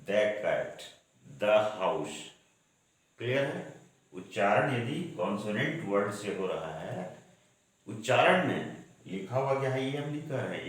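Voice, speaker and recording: Man as patient grammar teacher; slow delivery, heavy room echo. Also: on the low side. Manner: slow, repeats checks like "ठीक है" often. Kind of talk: grammar lesson. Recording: very echoey room.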